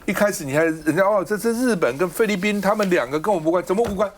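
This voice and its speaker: A political talk show host speaks into a studio mic, his high voice racing as he argues his case. He's combative, firing off one rhetorical question after another.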